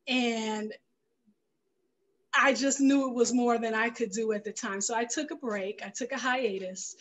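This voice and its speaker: Speaking through a headset on a video call from an indoor room at home, a middle-aged woman who is a guest filmmaker relaxes into telling her story, frequently acting out what was said. Her voice is fairly high with fairly even intonation, and she talks a little slowly.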